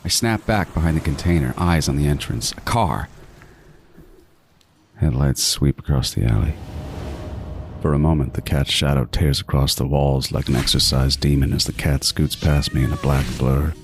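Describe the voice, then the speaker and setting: Rumbling low, with a little hiss or hum in the recording, a male actor voices an obsessive, meticulous serial killer narrating a horror audio drama. His delivery is brooding, deliberate and menacing, in a tense, irritable mood.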